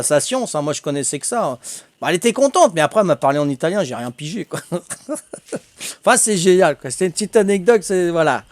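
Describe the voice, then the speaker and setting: High-voiced older man. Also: dry recording. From Corsica. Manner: chatty, laughs often, full of fillers and repeats. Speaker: streamer. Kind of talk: casual anecdote telling.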